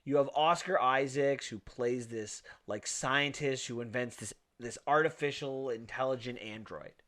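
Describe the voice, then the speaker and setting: A man's voice: mid-range voice, measured pace, a bit bright. A man co-hosting a movie podcast, talking enthusiastically and rambling with frequent restarts. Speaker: podcast co-host. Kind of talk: casual movie review chat.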